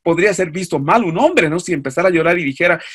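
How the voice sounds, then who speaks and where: A man's voice: on the high side, animated, fast talker, fairly bright tone, slightly rough. A man teaching an online class, explaining at length and putting questions to his students.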